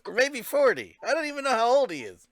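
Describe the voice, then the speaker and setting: A man's voice: extremely high pitch, very animated, quick pace, dry recording, clean studio sound. A man in his thirties hosting a casual podcast, teasing his guest and laughing easily. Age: 30s. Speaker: host.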